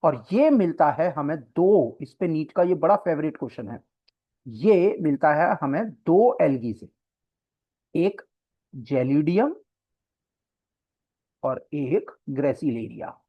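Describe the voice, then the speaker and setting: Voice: mid-range voice, expressive, slow pace, long pauses. A coaching teacher giving an exam-prep biology lecture in a classroom, explaining step by step and often checking in with the students. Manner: mixes English terms into Hindi explanation. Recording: slightly dull lo-fi lecture recording.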